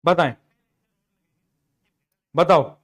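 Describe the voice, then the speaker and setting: Chatty high-voiced male teacher. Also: drawn-out words. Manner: chatty, repeats phrases, mixes English into Hindi. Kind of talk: online class lecture.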